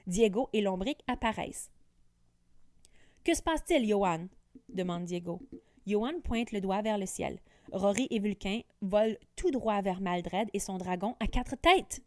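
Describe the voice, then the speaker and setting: A woman teacher reading a children's storybook aloud with clear, careful diction. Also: medium pitch, moderate pace, no room sound, clean studio sound. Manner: clear, careful diction with lively voices for characters.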